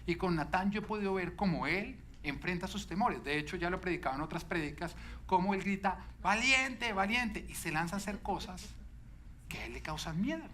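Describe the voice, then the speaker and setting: A man preaching a sermon as pastor, telling stories with lively shifts into quoted voices. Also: brisk, slight background noise. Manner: animated storytelling, quoting a child in a high shouting voice.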